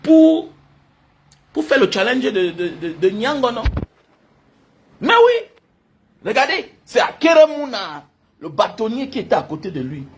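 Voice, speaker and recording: A man's voice: high voice, very animated, moderate pace, slight background noise. A man delivering an impassioned, hectoring monologue, repeating points emphatically and breaking into laughter. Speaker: commentator addressing online critics.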